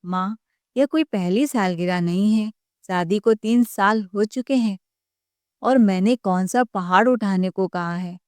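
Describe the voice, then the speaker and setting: A woman's voice: mid-range voice, measured pace, darkish tone, smooth, no room sound, clean studio sound, close to an everyday voice. A woman voicing an angry grown man defending his sick wife, speaking harshly and rebuking his brother. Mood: stern angry. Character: angry protective elder brother, adult man.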